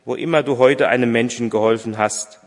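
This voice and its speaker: A man reading aloud as a gentle divine voice, hushed and solemn, in a reverberant church. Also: medium pitch, fairly even intonation, fairly quick, lightly acted.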